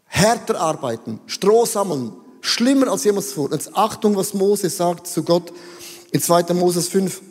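Animated high-voiced male preacher. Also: a little slow, slightly rough. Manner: animated, mixes English phrases, acts out voices. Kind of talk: sermon. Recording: long hall reverb.

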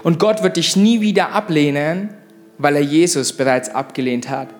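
A man's voice: fairly high pitch, normal speed, faint music behind. A young man preaching a sermon in a church service, in a casual, direct way with frequent "hey" asides. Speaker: pastor.

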